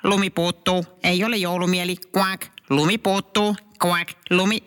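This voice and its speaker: A man's voice: high voice, level tone, a bit bright. A man voicing a blunt, cheeky frog that quacks between remarks. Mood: deadpan. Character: grumpy cheeky talking frog.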